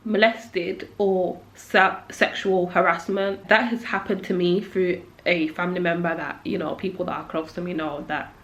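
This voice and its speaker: A woman's voice: fairly low pitch, fairly even intonation, moderate pace, few pauses, fairly bright tone. A young woman chats casually and candidly to camera, rambling and slangy, with a lisp from a swollen cheek that keeps her mouth from fully closing. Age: young adult. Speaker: video creator.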